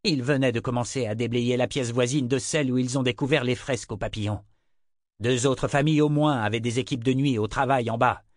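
A man's voice: mid-range voice, no room sound, clean studio sound, lightly acted. A man voicing a blunt, impatient grown man who is exasperated with his family.

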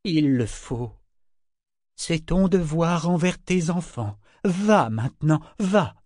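A stern, resolute older woman who speaks in cold, measured, firm tones, as a male reader takes her part. The recording is dry and close. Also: on the high side, lively intonation, a little mellow, no echo, pitched above the performer's own voice. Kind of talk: audiobook character voice.

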